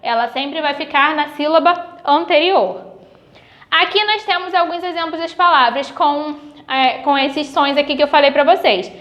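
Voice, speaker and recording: A woman teacher with a Brazilian accent giving a recorded grade-school lesson, patiently spelling out sounds slowly. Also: high-pitched, highs cut off. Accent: Brazilian Portuguese.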